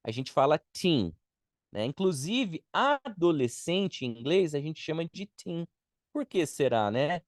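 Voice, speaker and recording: A man with a Brazilian Portuguese accent leads a live online beginner lesson. He talks at an unhurried pace, repeating each word patiently so students can copy it. The recording is dry, with no room echo. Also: a little high, big pitch swings. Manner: patient, repeats words slowly to model pronunciation. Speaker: English teacher.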